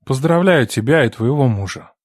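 A woman's voice: very deep voice, expressive, moderate pace, a little mellow, husky, dry recording, clean studio sound, pitched below the performer's own voice, full character voice. A woman reading an audiobook, voicing a cold, resentful man who is a former lover, with curt, clipped lines. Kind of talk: audiobook character voice.

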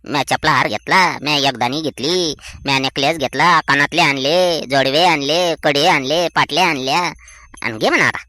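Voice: medium pitch, moderate pace, pushed and bright, dry recording, close to an everyday voice. An actor voicing a chatty village woman neighbour. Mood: scornful. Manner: chatty, scornful gossip. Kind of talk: cartoon voice acting.

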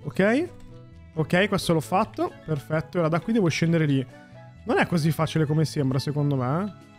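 A man with a high voice commentates his own gameplay in a casual, excitable way, addressing his viewers directly. He jumps into shouts and cheers when something works. Faint music plays under his voice. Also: normal speed. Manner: addresses viewers as raga and ragazzi. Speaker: gaming YouTuber.

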